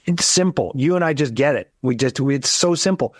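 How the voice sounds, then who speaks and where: A man's voice: medium pitch, lively intonation, brisk, no room sound, clean studio sound. A man hosting an interview podcast as an accountant, talking with energy and enthusiasm, often restarting his sentences. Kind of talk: casual conversational interview.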